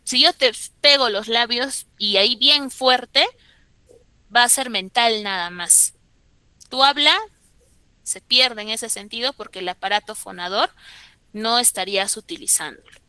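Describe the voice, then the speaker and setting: A woman's voice: a little high, unhurried, sharp tone, smooth, no room sound. A woman, teaching a class and often stopping to check that students follow. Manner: explains with frequent checking questions to students. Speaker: school teacher. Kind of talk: classroom lecture.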